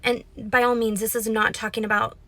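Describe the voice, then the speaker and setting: A young woman records a casual vlog on her phone, chatty and a little preachy as she talks about faith. Her voice stays fairly even and flat in pitch. She keeps checking in with "right?" and leans on "like.". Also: a little fast, poor audio. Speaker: vlogger. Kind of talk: casual vlog chat and Bible retelling.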